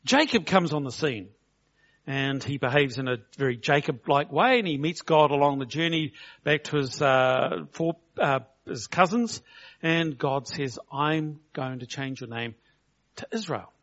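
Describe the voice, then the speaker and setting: Relaxed and conversational, a middle-aged New Zealand preacher delivers his sermon in a voice sitting slightly high for a man. He slows way down to drive points home and performs each quote. The audio sounds dull and lo-fi.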